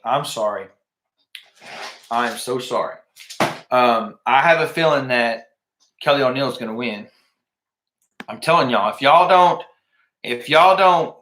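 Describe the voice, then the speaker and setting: Guy doing a live giveaway stream, bright punchy voice, chatty, repeats stuff, echoey room. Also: medium pitch. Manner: informal, addresses viewers directly, repeats himself. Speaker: livestream host. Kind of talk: casual live giveaway announcing.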